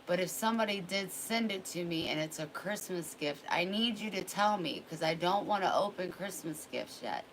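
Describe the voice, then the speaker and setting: Low-voiced woman chatting candidly. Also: moderate pace, hardly any pauses, slight background noise, rough recording. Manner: candid, rambling, confiding. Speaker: vlogger. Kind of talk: casual chat to camera. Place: at home.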